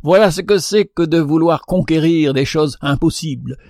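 A man's voice: on the high side, normal speed, a little mellow, no room sound, studio quality, lightly acted. A man reading a storybook, voicing a smug, sleepy male canary who mocks his companion. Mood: mocking. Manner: mocking, condescending.

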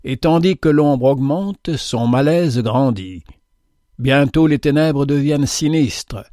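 A man giving a slow, theatrical reading of a moral parable in a preacherly manner. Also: medium pitch, expressive, mellow, no echo, clean studio sound. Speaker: narrator.

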